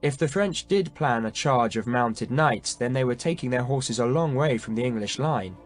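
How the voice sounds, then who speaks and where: A man narrates a historical battle novel in a measured, dramatic way. His voice sits in a middle pitch, and faint music plays beneath him. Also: lively intonation. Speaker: audiobook narrator. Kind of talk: scripted narration.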